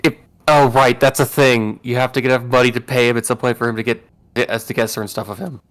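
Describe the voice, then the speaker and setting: Mid-pitched man chatting over a game. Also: little pitch movement, quick pace, a bit bright. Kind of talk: casual game playthrough chat.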